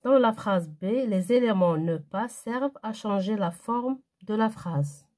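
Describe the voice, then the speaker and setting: A woman giving a primary school grammar lesson, reading exercises aloud and answering them one by one in a deliberate way. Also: mid-range voice, a little mellow.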